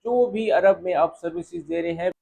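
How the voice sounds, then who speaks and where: A man teaching spoken Arabic phrases, saying each phrase slowly and more than once before explaining it. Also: high voice, sing-song, creaky, dark tone, breathy edge. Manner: repeats phrases slowly and drawn out, then explains. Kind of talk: spoken language lesson.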